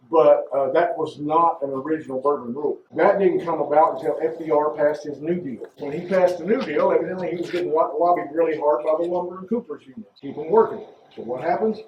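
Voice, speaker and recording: Tour guide, man, slightly high voice, folksy explainer, cave-like echo in a barrel warehouse, faint hiss. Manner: folksy, explanatory, asks the group questions. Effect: cave-like room echo. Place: large bourbon barrel warehouse. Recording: echoey warehouse, distant, lo-fi phone camera.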